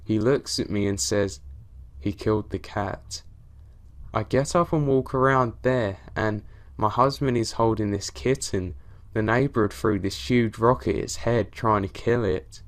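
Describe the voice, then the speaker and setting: Low-voiced man narrating horror stories. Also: moderate pace. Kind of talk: scripted narration of reader stories.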